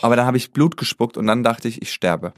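Animated man telling a story, dry sound. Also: medium pitch, quick pace, dry recording. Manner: animated, acts out quoted dialogue. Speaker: podcast co-host. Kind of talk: casual storytelling chat.

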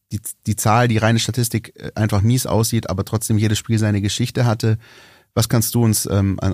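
A man's voice: on the low side, darkish tone, dry recording, clean studio sound. A man hosting a casual football podcast, thinking aloud and hesitant, with frequent fillers and restarts. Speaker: podcast host.

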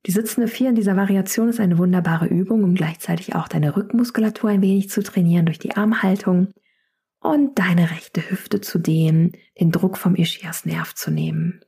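A woman leading a guided chair yoga class, calmly cueing breaths and counting down each hold in a soft, often near-whispered voice. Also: fairly low pitch, moderate pace, creaky, breathy edge. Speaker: yoga instructor.

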